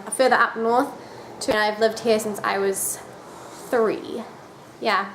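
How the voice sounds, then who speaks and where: A woman's voice: a little high, fairly bright tone. A woman in her twenties with a New Zealand accent, chatting casually to camera as she answers questions, rambling with lots of ums and restarts. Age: 20s. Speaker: vlogger. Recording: echoey room, faint ambient noise.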